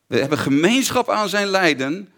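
A man's voice: high voice, expressive, normal speed, fairly bright tone. A man preaching a sermon, earnest and repeating phrases for emphasis.

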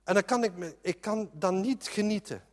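A man's voice: high-pitched, moderate pace, big-room sound. A man preaching a sermon in an earnest, emphatic way, often restarting his sentences.

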